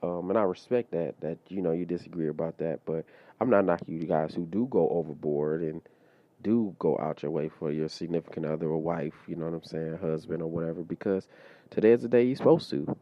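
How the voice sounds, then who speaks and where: This podcast host has a very low, deep voice and talks unscripted in a relaxed, brisk solo monologue, full of asides and fillers such as "you know what I mean." The recording is dry, a bit dull, and lo-fi.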